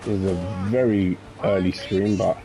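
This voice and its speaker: A man chats through live gameplay as a variety streamer and reacts aloud to the game. His voice is gravelly and dark, set a little low. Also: steady tone, moderate pace, rough recording. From London.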